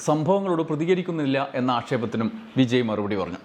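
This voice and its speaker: A man narrating a news report in a measured, explanatory way. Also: medium pitch, lively intonation, a little mellow.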